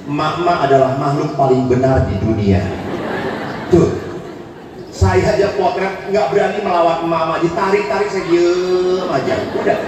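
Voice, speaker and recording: High-voiced priest preaching in an echoey church. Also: male voice. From Indonesia. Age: 50s. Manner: humorous storytelling with lively acted-out quotes. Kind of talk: sermon. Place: large church. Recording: echoey church hall, from far off, faint noise.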